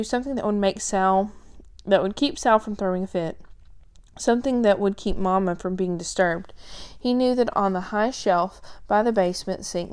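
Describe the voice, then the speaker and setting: Smooth-voiced woman reading a story. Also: medium pitch. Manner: calm, steady reading with small slips. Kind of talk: reading a children's chapter book aloud.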